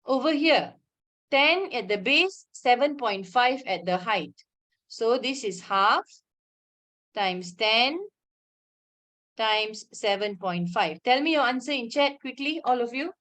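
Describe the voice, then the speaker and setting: Slow, high-voiced Malaysian woman teaching. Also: lively intonation, a bit bright. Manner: informal, checks understanding with frequent questions and local particles. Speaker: maths teacher. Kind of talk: online maths lesson, explaining step by step.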